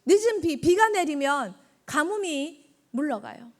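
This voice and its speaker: Woman evangelist for a children's sermon. High, lively, quizzes the kids as she preaches. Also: unhurried. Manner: quizzes the children and echoes their answers; acts out God's words in quoted lines. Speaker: junior evangelist.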